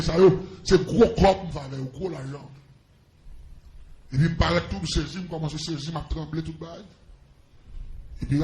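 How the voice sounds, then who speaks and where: A man's voice: a little high, reverberant. A man with a Haitian accent preaching a testimony to a congregation, calling out to them with fervor. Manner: impassioned preaching with call-outs to the congregation.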